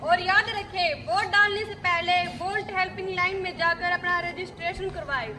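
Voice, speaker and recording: Young woman, street theatre, very high voice, rhyming address to the public, crowd and street noise behind. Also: steady tone, moderate pace. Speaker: street play performer.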